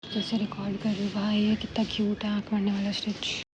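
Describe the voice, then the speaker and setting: Bubbly young woman vlogging on her phone, steady mid voice, loud traffic noise behind. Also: mid-range voice, fairly quick, dull audio. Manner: chatty, bubbly, addresses viewers directly. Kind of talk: casual vlog chat. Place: city streets, shops and home. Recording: noisy street and shop sound.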